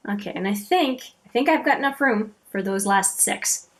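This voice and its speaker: A chatty woman giving casual commentary while she swatches makeup. Her voice sits in a middling pitch, and she gushes over shades before dropping into soft, half-muttered asides. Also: expressive, normal speed. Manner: chatty, admiring, often trails off into quiet asides. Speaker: beauty channel host.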